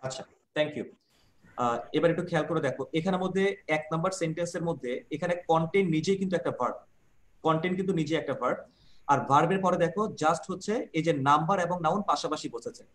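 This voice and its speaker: A man leads an online grammar class over a video call, explaining patiently and repeating each point. His voice sits a little high and he talks fast. He keeps asking whether his students follow. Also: a bit bright. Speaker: English grammar teacher.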